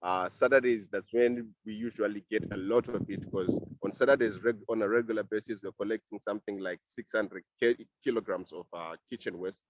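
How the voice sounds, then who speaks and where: A man speaking by phone from outdoors about a community compost project, halting and often restarting his words. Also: lowish voice, fairly even intonation, no room sound. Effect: heard over a phone call. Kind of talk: casual panel contribution. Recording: dull, dry phone audio.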